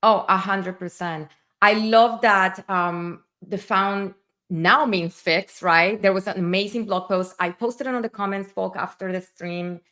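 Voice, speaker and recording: A woman with a Spanish accent, a native Spanish speaker, hosts a casual livestream, chatting enthusiastically and filling her talk with fillers. Her medium-pitched voice stays steady and unhurried, with a pushed, bright quality.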